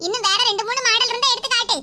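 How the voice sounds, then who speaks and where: A woman's voice: very high voice, steady tone, racing, sharp tone, full character voice. A woman voicing a doting, sentimental mother-in-law in a cartoon, with a Kanyakumari Tamil accent and an affectionate manner. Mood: fond. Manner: affectionate, emotional, often laughing.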